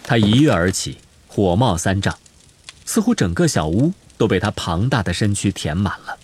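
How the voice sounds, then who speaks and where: A man narrates an audiobook in a low, slightly husky voice. His storytelling is expressive, with a lively, rising and falling delivery. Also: moderate pace. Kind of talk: scripted narration.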